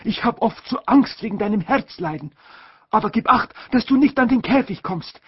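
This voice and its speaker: A gushing, bossy older aunt from a storybook, voiced by a male narrator. She exclaims in a raised, high voice. The husky voice comes through dull, lo-fi sound. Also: lively intonation, moderate pace, no room sound. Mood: gushing, fussy. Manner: effusive, exclaiming.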